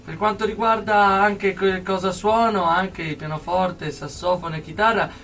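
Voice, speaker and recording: A young adult man giving earnest, halting interview answers as a guest in a radio studio. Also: high voice, fairly even intonation, a bit bright, distant mic. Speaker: interview guest, aspiring musician.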